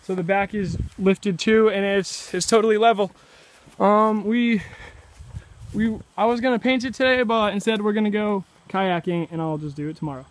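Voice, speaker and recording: Chatty man with a slightly high voice. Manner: relaxed and chatty, with halting restarts. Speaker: DIY vlogger. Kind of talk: casual self-filmed video diary. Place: outdoors at a rural building site.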